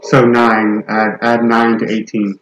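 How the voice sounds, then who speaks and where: A man's voice: lowish voice, monotone, unhurried, fairly bright tone, echoey room, a little hiss or hum, rough recording. A man playing a tabletop game who jokes around in a playful, easy way. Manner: joking and playful. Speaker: player.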